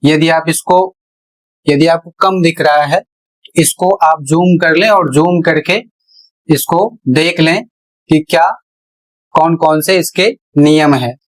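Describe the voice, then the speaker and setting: A male teacher explaining pronunciation rules at a board in a deliberate way, repeating each step. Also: a little high, fairly even intonation, poor audio. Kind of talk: slow classroom explanation at a board.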